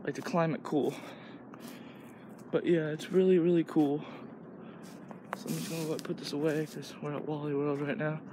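A man's voice: fairly high pitch, level tone, normal speed, long pauses. A teenage boy from Illinois, talking loosely and crudely while walking through the woods with a phone camera. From Illinois, USA. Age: teens. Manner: rambling, crude, loose talk with lots of "like". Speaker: vlogger. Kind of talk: casual walking vlog. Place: outdoors in woods. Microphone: phone camera held while walking. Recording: noisy outdoor phone recording.

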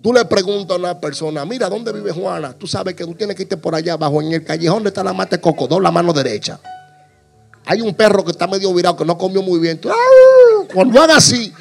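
A man preaches to his congregation, his voice sitting a little high. He jokes and acts out small everyday scenes as he goes. Faint instrumental music plays softly beneath the sermon. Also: fast talker, gravelly. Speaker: pastor.

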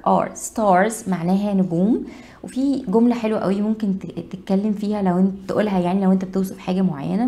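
A woman with an Egyptian Arabic accent teaching English vocabulary to beginners, repeating each word slowly several times. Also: mid-range voice, warm tone.

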